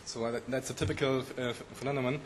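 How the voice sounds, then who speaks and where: A man with a croaky, hoarse voice from a flu, giving a technical conference presentation with many pauses and fillers. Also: medium pitch, steady tone, a little hiss or hum. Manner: halting, many ums and uhs. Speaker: conference speaker.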